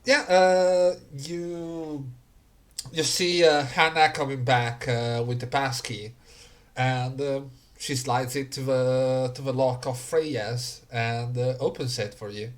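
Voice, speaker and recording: A man narrating a tabletop game as game master in a halting, improvised way. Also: mid-range voice, fairly even intonation.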